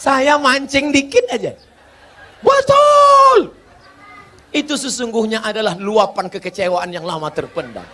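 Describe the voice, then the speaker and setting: A man's voice: sits high, moderate pace, fairly bright tone. A man from Indonesia preaching in a humorous question-and-answer sermon, with playful rhetorical questions and emphatic build-ups. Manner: joking, rhetorical questions, rising emphatic delivery.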